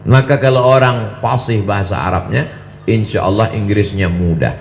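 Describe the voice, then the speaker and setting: A man preaching a humorous sermon to students, joking playfully and chanting verses in long drawn-out recitation. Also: fairly low pitch, creaky, a little hiss or hum. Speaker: Islamic preacher. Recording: echoey hall with long reverb.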